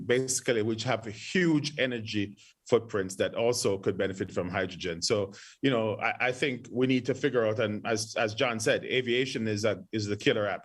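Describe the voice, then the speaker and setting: A man speaking as a panel guest, hesitant and full of fillers. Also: fairly low pitch. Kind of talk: panel discussion.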